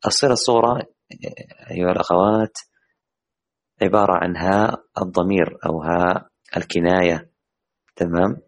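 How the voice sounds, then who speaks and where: Man, very deep voice, tajweed teacher, online lesson for women, quizzes and praises students, drawn-out recited examples. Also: steady tone. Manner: slows down and stretches words when reciting examples.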